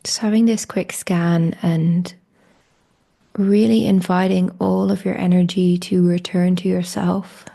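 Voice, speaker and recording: Her breathy, hushed delivery, fairly low in pitch and flat, frequently drops almost to a whisper. She is leading a guided meditation with slow, gentle invitations.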